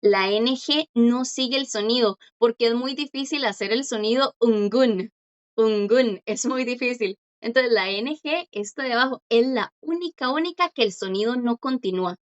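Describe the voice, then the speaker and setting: A woman teaching a language class online, patiently explaining and slowly repeating words for her students. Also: on the high side, muffled recording.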